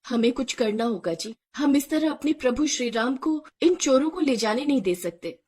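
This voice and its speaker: A woman's voice: high voice, animated, normal speed, a little mellow, breathy edge, pitched above the performer's own voice. A woman voicing a frightened, devoted village wife. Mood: anxious. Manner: anxious, stammering, pleading.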